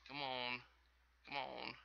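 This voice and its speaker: A man's voice: mid-range voice, monotone, takes it slowly, vocal fry, sharp tone, lo-fi sound, slight background noise. A man giving casual, rambling commentary over his own gameplay as host of a gaming channel, often correcting himself. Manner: rambling, chatty, self-correcting.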